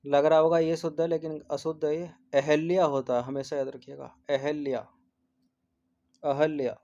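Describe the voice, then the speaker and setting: Guy teaching spelling for an exam, flat monotone, warm dark voice, keeps repeating each word. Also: fairly high pitch, fairly quick, lo-fi sound. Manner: mixes English numbers and terms into Hindi. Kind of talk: exam test-series answer walkthrough.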